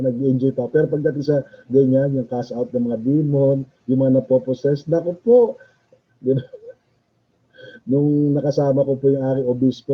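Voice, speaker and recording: Husky preacher, lo-fi. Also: male voice, mid-range voice. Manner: chatty, laughs often, asks the audience questions. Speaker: chaplain preacher. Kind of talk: sermon. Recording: dull lo-fi recording.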